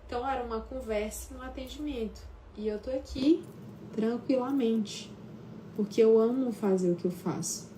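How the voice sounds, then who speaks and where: Live-streaming from her home, a therapist with a Brazilian Portuguese accent talks casually and shares personal stories, often hesitating and tacking on tag questions. She has a warm voice on the high side, speaking at a moderate pace over slight background noise.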